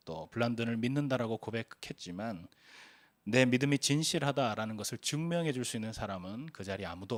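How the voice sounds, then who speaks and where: A man's voice: mid-range voice, no room sound. Earnest male pastor, dry sound. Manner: earnest storytelling with frequent hesitant fillers. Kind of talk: sermon.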